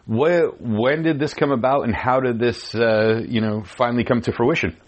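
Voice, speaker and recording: A man's voice: mid-range voice, fairly even intonation, moderate pace. A man interviewing a guest, asking easygoing, rambling questions. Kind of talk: casual interview.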